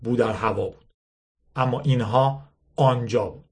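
A man reading a novel aloud as an audiobook narrator, with a steady, measured storytelling delivery. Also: medium pitch, vocal fry.

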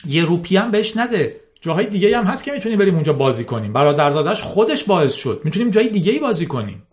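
Male reader doing a fierce teen girl, high and strained, audiobook. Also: big pitch swings. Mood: defiant. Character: teenage girl gamer, fierce and upset. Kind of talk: audiobook reading.

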